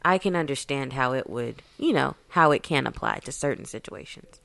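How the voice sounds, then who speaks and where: A woman's voice: very deep voice, expressive, normal speed, creaky, fairly bright tone, no echo. A woman, co-hosting a podcast in loose, chatty talk and laughing often. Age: 30s. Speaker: podcast co-host. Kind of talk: casual chat.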